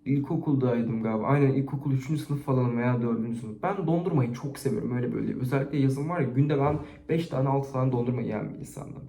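A man chatting casually to a camera, reading out embarrassing stories and rating them, expressive and chatty. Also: mid-range voice, fast talker, creaky, few pauses. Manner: chatty and expressive, with frequent laughter. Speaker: YouTuber reading viewers' stories. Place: indoors at home, set-up camera. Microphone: camera on a stand. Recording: echoey room.

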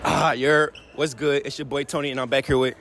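A young man hosting street interviews, energetic and teasing, who repeats his phrases, speaking into a handheld mic outdoors and in a mall. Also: mid-range voice, brisk, a little hiss or hum. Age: young adult.

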